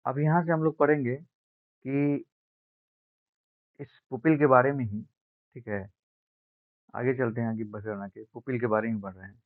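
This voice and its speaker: A man teaching an exam-prep science lesson, speaking slowly and repeating key words, asking questions and answering them himself. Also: mid-range voice, fairly even intonation, no room sound. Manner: slow, repetitive, asks and answers own questions. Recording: dry, phone-like narrow sound.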